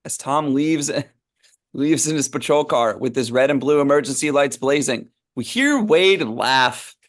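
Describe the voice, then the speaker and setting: A man's voice: mid-range voice, lively intonation, a little slow. A man narrating a script read, reading stage directions aloud in an informal, amused way.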